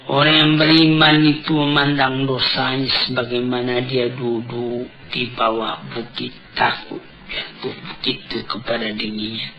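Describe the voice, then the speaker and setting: A man preaching a sermon on an old cassette tape recording, deliberate and emphatic, asking rhetorical questions. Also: medium pitch, highs cut off.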